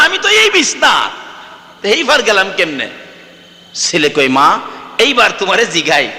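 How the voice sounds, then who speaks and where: Brief: high, very bright male preacher, fervent shouting sermon, lively pitch, long hall echo. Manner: fervent, swings from shouting to low storytelling, sometimes chanted. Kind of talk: Bengali waz sermon.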